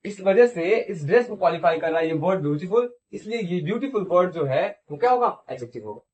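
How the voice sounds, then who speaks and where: A man's voice: high-pitched, animated, a little fast, a little mellow. A man teaching English grammar in Hindi. He asks questions, answers them himself, and checks in often. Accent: Indian. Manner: repeats phrases and checks in with "theek hai". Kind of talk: classroom lecture.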